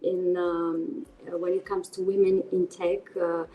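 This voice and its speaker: A woman's voice: lowish voice, level tone, unhurried, dull audio. A woman from Bulgaria being interviewed over a video call, speaking earnestly with frequent hesitations and restarts. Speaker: interview guest, board member.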